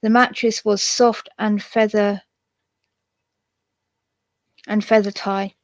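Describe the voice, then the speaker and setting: A woman storyteller narrating a ghost story in a steady reading voice, with occasional self-mocking asides. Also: medium pitch, slow pace, no room sound.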